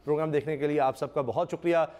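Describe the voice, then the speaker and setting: A man from Pakistan hosts a live cricket discussion on television. His voice sits a little high for a man, and he speaks politely and at a measured pace, with the odd filler. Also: steady tone, a little mellow. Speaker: TV show host.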